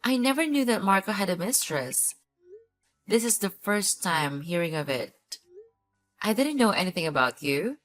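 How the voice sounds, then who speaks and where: A woman's voice: mid-range voice, expressive, normal speed, faint music behind, close to an everyday voice. A woman acting a cool, sarcastic betrayed ex-wife in a scripted story, speaking in a cold, curt, dry manner. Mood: guarded, cold.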